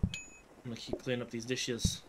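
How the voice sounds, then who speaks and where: A host chatting casually while playing a co-op cooking game, laughing often and bursting into excited yelling. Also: mid-range voice, brisk. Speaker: host and player. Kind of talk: casual co-op gameplay chat. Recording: noisy gameplay recording.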